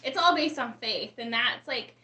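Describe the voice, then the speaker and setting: A woman's voice: on the high side, expressive, normal speed, pushed and bright. A woman co-hosting a casual live stream, chatting and greeting viewers from the chat. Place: room in a home. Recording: roomy echo.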